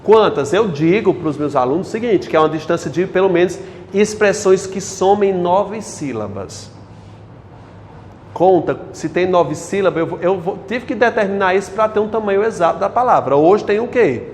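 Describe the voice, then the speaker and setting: A man's voice: sits high, expressive, normal speed, darkish tone, in a large hall, slight background noise. A male teacher lectures a class on grammar, quizzing the students with questions as he goes.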